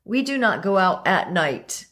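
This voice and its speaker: A woman co-hosting a podcast in casual chat, hoarse this morning and gushing as she talks. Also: medium pitch, a little slow. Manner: lively and gushing. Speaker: podcast co-host.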